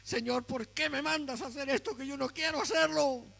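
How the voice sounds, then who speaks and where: A man's voice: extremely high pitch, steady tone, a little slow, vocal fry, bright, forceful tone, pitched above the performer's own voice, exaggerated voice. A man voicing a reluctant, grumbling prophet who complains while giving in, recorded in an echoey hall with a faint hum.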